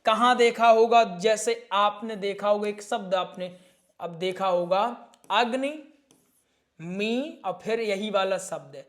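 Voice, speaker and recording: A man teaching Sanskrit pronunciation in a slow spoken lesson, drawing out syllables and asking his viewers questions. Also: high-pitched. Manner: drawn-out, deliberate syllables, repeating rules and asking the viewers questions.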